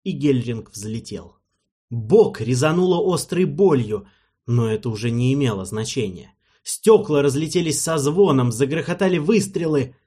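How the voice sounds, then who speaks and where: Husky man narrating an audiobook. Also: mid-range voice, expressive, mellow. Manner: measured, storytelling.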